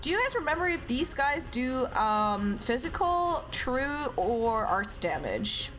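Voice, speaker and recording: A woman's voice: high-pitched, very animated, slow, a bit bright, faint music behind. A woman doing casual gameplay commentary, playful and sweary, talking to herself as she goes. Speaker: game streamer reading story scenes aloud.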